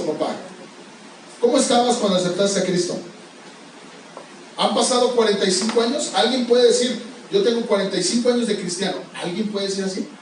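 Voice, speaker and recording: A man's voice: high voice, slight background noise. A male pastor preaching a sermon, pressing the congregation with repeated questions. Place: church sanctuary. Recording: echoey church hall, far from mic.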